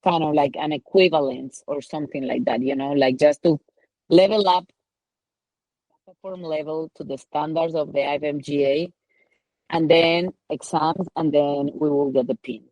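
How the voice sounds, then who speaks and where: A woman's voice: low voice, steady tone, moderate pace, darkish tone, no room sound, poor audio. Ecuadorian woman, filler-heavy guest talk. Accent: Ecuadorian Spanish. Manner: rambling, many "like" and "you know" fillers. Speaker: mountain guide, guest. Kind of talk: casual interview talk.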